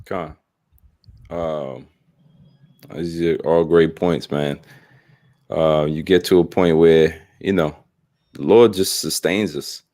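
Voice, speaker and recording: A man's voice: a bass voice, fairly even intonation, takes it slowly, long pauses, dark tone, no room sound. A man hosting a religious podcast, talking in a laid-back way with many fillers. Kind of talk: casual religious discussion.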